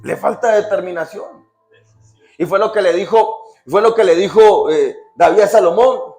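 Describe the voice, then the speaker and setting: A male pastor preaching a sermon, quizzing the congregation with repeated questions and swinging between loud emphatic lines and quiet drops. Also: sits high, normal speed. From Colombia. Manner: call-and-response questions to the congregation. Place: church hall. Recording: echoey church with music behind.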